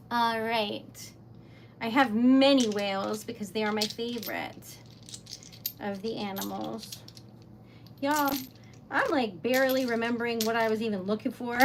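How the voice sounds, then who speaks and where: A woman from New England with a Rhode Island accent chats to viewers during a casual crafting livestream, laughing a lot and rambling along. Her pitch is fairly high, and there's background noise.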